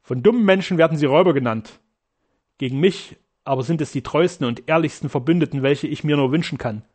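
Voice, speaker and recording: A cunning notary, voiced by a male reader speaks with firm, deliberate calculation. His tone is conspiratorial and steady. It sits a little above the reader's plain voice. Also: a little high, natural voice. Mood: scheming. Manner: measured, conspiratorial.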